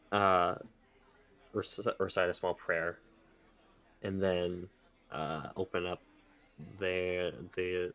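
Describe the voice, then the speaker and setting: In an improvised tabletop roleplaying game, a deep-voiced man describes what his character does, hesitating and searching for words.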